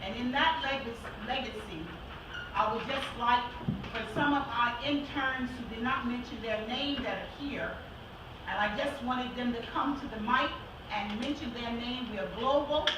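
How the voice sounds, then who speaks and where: A woman's voice: on the high side, moderate pace. Woman giving an emphatic speech in an echoey hall. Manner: emphatic, repeats lines for stress. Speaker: speaker at a meeting. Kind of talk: formal speech. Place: large meeting room. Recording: echoey room from far off, noisy.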